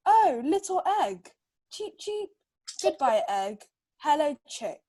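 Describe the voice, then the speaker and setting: Acting as a reading helper, a woman reads a children's storybook aloud and chats casually with a child. Her high voice is very animated, slow and warm.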